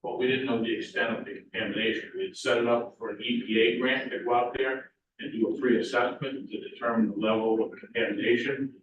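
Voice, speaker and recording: A man's voice: mid-range voice, fairly even intonation, quick pace. A man making a matter-of-fact public comment at a town meeting, explaining with frequent ums. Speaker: former town official speaking at public forum. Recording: echoey, distant, dull hall recording.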